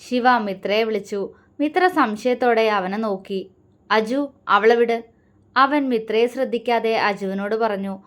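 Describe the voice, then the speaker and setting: A woman's voice: a little high, moderate pace. A woman narrating a serialized romance story and voicing the characters' dialogue herself.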